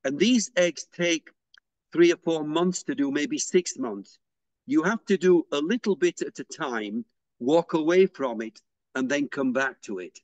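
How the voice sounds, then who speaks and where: A soft-spoken English man, a pysanky artist being interviewed, explains his craft in an unhurried way. His voice is a little high, animated and a little slow, and he's hesitant, using fillers and restarting sentences. The recording is rough, with no echo.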